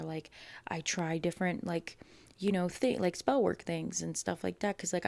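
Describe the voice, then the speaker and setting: Young woman host, solo podcast, rambling casual delivery, gravelly low voice, dry close sound. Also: darkish tone, dry recording. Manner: rambling, filler-heavy, emotional.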